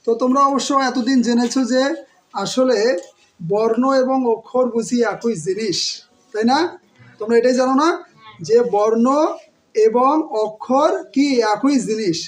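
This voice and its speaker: Recorded roughly, a very high-voiced male teacher leads a grammar lesson aimed at exam prep. He asks the students things and answers himself, slowly stretching out every syllable of the words he repeats.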